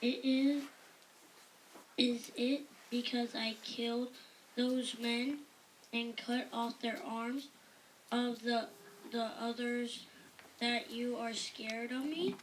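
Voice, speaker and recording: A woman voicing a humble, earnest male missionary sock puppet with halting, deliberate delivery in an amateur show. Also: a little high, steady tone. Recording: distant mic with faint noise.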